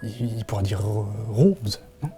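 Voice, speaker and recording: A man playing a defensive, bewildered father in a comedy sketch, incredulous and halting. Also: on the low side, lively intonation, mellow, breathy edge, faint music behind, exaggerated voice. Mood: puzzled. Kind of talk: deadpan comedy sketch acting.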